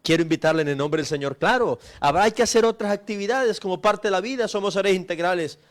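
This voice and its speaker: Man, middle-aged pastor, high voice, emphatic repetitive sermon delivery. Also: quick pace. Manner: emphatic preaching, repetitive cadence.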